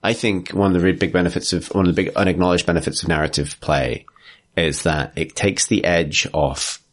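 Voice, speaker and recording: Deep-voiced man musing over hobby games. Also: steady tone, fairly quick. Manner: thoughtful, hesitant, many fillers. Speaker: podcast co-host. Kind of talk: casual chat.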